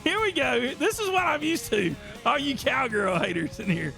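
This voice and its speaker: Upbeat male podcast host, high bright voice. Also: normal speed, vocal fry, faint music behind. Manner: energetic, reads chat aloud. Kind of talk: casual livestream chat.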